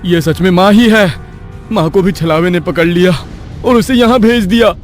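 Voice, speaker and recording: A man voicing a nervous young husband in an animated horror story, talking in an anxious, excited way. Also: mid-range voice, normal speed, faint music behind, pitched above the performer's own voice, natural voice.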